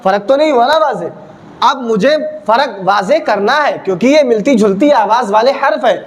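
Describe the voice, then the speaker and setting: High-voiced man drilling students. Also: expressive, normal speed. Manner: repetitive call-and-response drilling, asks and answers his own questions. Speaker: Quran teacher. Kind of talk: classroom-style teaching video. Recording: noisy background.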